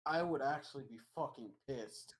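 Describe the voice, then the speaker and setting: A man bantering at a tabletop game, joking with quick profanity. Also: mid-range voice. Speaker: player. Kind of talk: casual tabletop chat.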